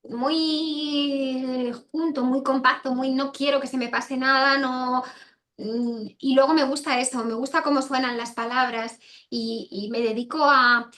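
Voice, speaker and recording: A woman's voice: high voice, steady tone, unhurried, fairly bright tone. A woman author answering interview questions over a video call, rambling and correcting herself and often repeating phrases. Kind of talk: casual spoken interview answers.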